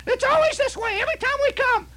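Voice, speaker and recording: A shrill, screeching furious aunt. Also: male voice, pushed and bright. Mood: shrieking fury. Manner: hollering, screeching, fast and frantic. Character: shrill furious middle-aged aunt storming out.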